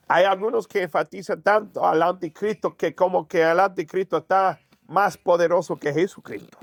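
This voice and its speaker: With a fairly high yet gravelly voice, a male pastor preaches at a moderate pace, asking rhetorical questions and supplying his own answers. The sound is close and dry, with no room around it.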